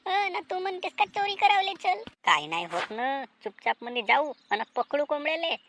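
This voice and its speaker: Timid village thieves in a cartoon, hatching a clumsy plan in hushed, conspiring tones, voiced by a woman. They speak with a Vidarbha Marathi accent. The voice is somewhat high. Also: very animated, normal speed, heavily acted. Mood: plotting. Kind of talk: cartoon drama voice acting.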